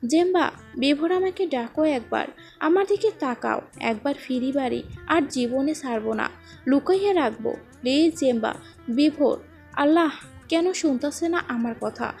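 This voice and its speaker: A woman's voice: high-pitched, darkish tone. A woman voicing a desperate young wife who wails and pleads. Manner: frantic, wailing and pleading.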